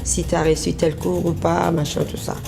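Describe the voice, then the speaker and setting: On a noisy TV interview recording, a business owner working in humanitarian aid, a woman from Congo (DRC), replies hesitantly and casually with plenty of filler words. Her voice sits on the low side with vocal fry, a flat delivery, and a moderate pace.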